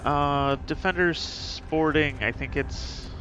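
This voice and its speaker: A man talking casually through game strategy while streaming, thinking aloud with many pauses and fillers. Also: on the high side, fairly bright tone, slight background noise.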